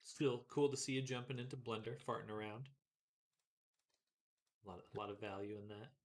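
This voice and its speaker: A man casually chatting with viewers while he works on 3D models, relaxed and joking. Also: fairly low pitch, moderate pace, slight background noise. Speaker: avatar artist streaming his work. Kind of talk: casual livestream chat.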